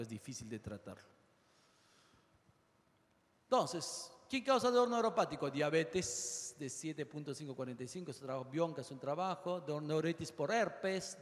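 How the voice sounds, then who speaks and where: A male surgeon lectures students in a lively, rapid manner, rattling off lists of diagnoses. His voice sits a bit high. The sound carries a long hall reverb. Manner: animated, rapid lists, acts out patients. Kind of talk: medical lecture.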